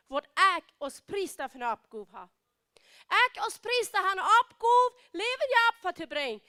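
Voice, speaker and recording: High, slow-preaching woman. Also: sharp tone. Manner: emphatic preaching, mixing Dutch, German and English words. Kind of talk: sermon.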